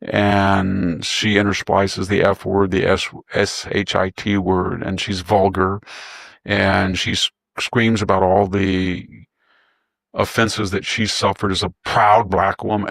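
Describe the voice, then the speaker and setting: Gravelly, scornful male political commentator. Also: lowish voice, little pitch movement, measured pace, fairly bright tone, no room sound. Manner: scornful, mocking, mimics opponents. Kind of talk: sarcastic commentary in conversation.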